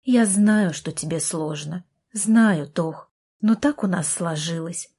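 Give me a woman voicing a weary, patient young woman, soft-edged and warm. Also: lowish voice, slow, breathy edge. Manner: weary, coaxing. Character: tired young woman therapist, patient older sister.

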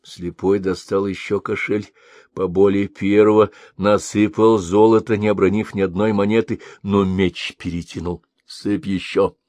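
Low-voiced male audiobook narrator. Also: flat delivery, moderate pace, darkish tone, no echo.

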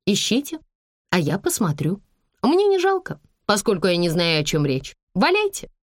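A woman reading aloud and voicing a calm, defiant young office worker who answers in a cool, slightly mocking way. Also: medium pitch, moderate pace, dry recording, clean studio sound.

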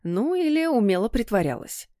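A woman narrating a first-person audiobook in an even, expressive storytelling manner. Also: on the high side, moderate pace, dry recording, studio quality.

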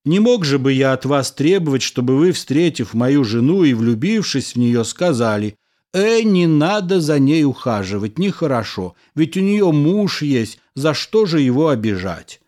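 A man's voice: a little high, very animated, measured pace, a little mellow. A male reader voicing a composed, wry husband who talks through an awkward scene like a patient lecture. There is irony in every turn. It is a spoken storybook reading. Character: calm, wry, reasoning middle-aged husband engineer. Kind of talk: audiobook character reading.

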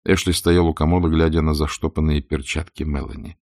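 A man narrating an audiobook in a measured, expressive way, with a husky, gravelly voice. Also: a bass voice, dry recording, clean studio sound.

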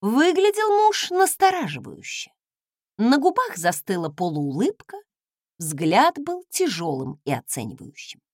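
A woman reading a first-person audiobook, with expressive, ironic storytelling. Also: medium pitch, unhurried, dry recording, clean studio sound. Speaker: audiobook narrator.

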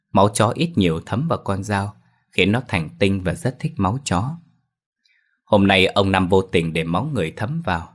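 A man narrating a ghost story in a steady, ominous tone. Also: low-pitched.

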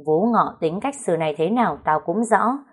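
A woman voicing a harsh old male family patriarch who scolds slowly and threateningly. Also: sits high, animated, slightly rough.

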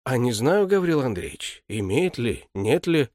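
A man voicing a meek, timid young woman laundress who answers quietly and hesitantly. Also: mid-range voice, very animated, a little slow, dry recording, clean studio sound. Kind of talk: audiobook character reading.

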